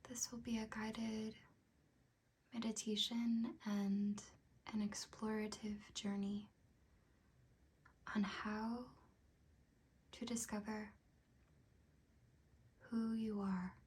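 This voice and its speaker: A woman guides a meditation in a breathy, whispery ASMR voice, speaking gently and soothingly and leaving long, unhurried pauses. Her voice is mid-range and her delivery flat.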